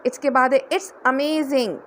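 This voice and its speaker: High-voiced woman teaching English. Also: steady tone, slow, fairly bright tone, a little hiss or hum. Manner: patient, explains each phrase step by step. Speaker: English tutor. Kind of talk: spoken English lesson.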